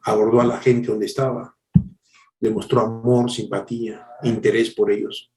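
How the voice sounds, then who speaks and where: A middle-aged man preaching a devotional sermon as a pastor, telling stories with animated swings from loud exclamations to hushed asides. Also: mid-range voice, normal speed, roomy sound, faint music behind.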